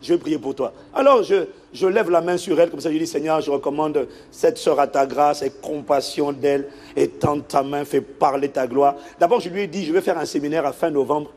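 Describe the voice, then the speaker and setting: A man preaching a sermon as a pastor, telling a story in an animated way and acting out the people in it. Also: a little high, brisk, hardly any pauses. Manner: animated storytelling, acts out the people in his stories.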